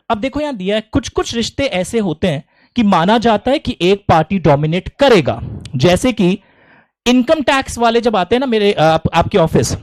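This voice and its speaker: A middle-aged man with an Indian English accent teaching law to a classroom, animated and teasing, reciting definitions slowly word by word. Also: sits high, dry recording.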